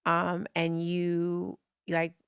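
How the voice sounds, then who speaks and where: Gushing, excitable woman podcast host. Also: lowish voice, very slow, creaky, clear, resonant tone, no room sound, studio quality. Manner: gushing, excitable, many fillers. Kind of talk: casual interview chat.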